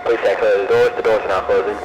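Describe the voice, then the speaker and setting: Low male subway loudspeaker announcement. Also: level tone, very fast. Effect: train loudspeaker announcement. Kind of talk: pre-recorded transit announcement. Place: inside a subway train car. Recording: noisy subway car, over loudspeaker.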